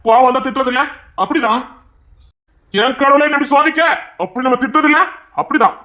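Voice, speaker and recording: Guy doing a jealous bossy husband in an audio drama, kinda high voice, talks fast and bright, scolds a lot. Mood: stern tender. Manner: stern, scolding, possessive. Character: possessive, hot-tempered young husband. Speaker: voice actor in an audio serial.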